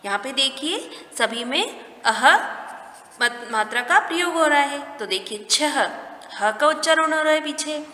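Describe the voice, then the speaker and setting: A woman teaching a recorded lesson to young children, explaining each step slowly and asking simple questions along the way. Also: sits high, animated, sharp tone. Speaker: primary school teacher. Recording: echoey room with long reverb.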